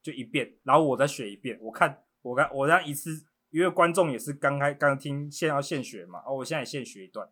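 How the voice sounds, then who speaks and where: A man's voice: medium pitch, fast talker, hardly any pauses, a bit bright. A man hosting a podcast, teasing and goading his guest in casual chat. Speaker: podcast host.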